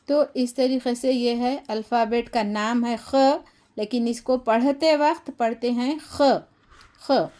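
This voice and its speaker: A woman with a high voice gives a beginner phonics lesson at a slow, unhurried pace. She says each letter's sound again and again and cheers her viewers on as she teaches. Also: darkish tone. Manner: slow, patient, repeats each sound several times; addresses viewers directly and encourages them.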